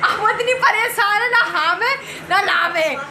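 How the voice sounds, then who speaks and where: A woman chats through a comedy vlog in a high voice, teasing and breaking into laughter. She is recorded outdoors with clear background noise around her. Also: moderate pace. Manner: teasing, often laughing while talking. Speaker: vlogger. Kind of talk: casual comedy vlog narration. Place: outdoors, dusty and sunny. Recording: noisy background.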